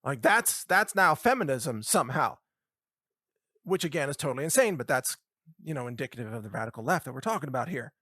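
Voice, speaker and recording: A middle-aged man hosting a talk show, delivering an animated, mocking political monologue. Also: medium pitch, brisk, no room sound, studio quality. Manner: animated, mocking, puts on voices for imagined people.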